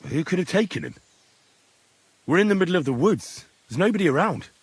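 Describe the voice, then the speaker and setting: A man's voice: high-pitched, animated, fairly quick, breathy edge, exaggerated voice. An actor playing a young male hero in a video game who asks short, dry questions.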